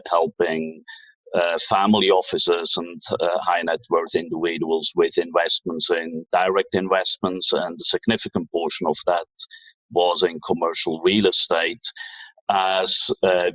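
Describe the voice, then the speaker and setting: A middle-aged man from Switzerland with a Swiss German accent, explaining things in an interview in a measured, hesitant way with frequent uhs. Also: low voice, fairly bright tone, no echo, poor audio. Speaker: interview guest, finance executive.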